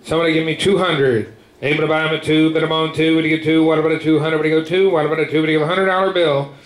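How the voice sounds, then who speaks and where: Male auctioneer, slightly high-pitched, rolling repetitive bid chant; echoey, noisy room. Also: level tone, very fast. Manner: repetitive patter with filler words between numbers. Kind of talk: rapid rhythmic auctioneer chant calling bids. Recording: echoey room with clear background noise.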